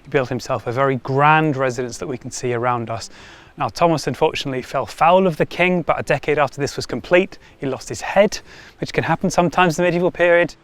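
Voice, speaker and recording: A man guiding a tour of a castle ruin outdoors, telling its history in a lively storytelling way with wry asides. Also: a little high, fast. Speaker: heritage site guide. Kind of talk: explaining history on a site tour.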